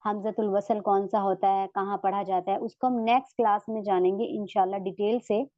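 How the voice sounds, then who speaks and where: A woman's voice: medium pitch, steady tone, a little fast, warm tone, no echo, dull audio. A woman teaching a tajweed lesson online, explaining patiently and repeating examples. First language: Urdu.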